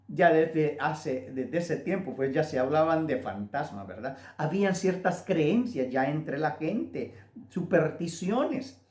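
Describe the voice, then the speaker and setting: A man's voice: on the high side, lively intonation, a little mellow. A man with a Guatemalan accent, a pastor giving a devotional sermon and speaking straight to his listener. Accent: Guatemalan Spanish. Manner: deliberate, addresses listener directly. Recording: roomy echoey room.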